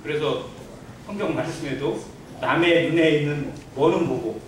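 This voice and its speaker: A pastor giving a Sunday sermon in a church, preaching conversationally and putting rhetorical questions to the congregation. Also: male voice, on the high side, normal speed, a crowd in the background. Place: church sanctuary. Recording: very echoey church hall, from a distance.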